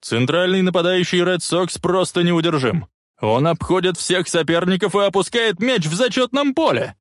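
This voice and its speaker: A man voicing an excited radio sports announcer giving play-by-play. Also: high voice, moderate pace, no echo, studio quality, pitched above the performer's own voice.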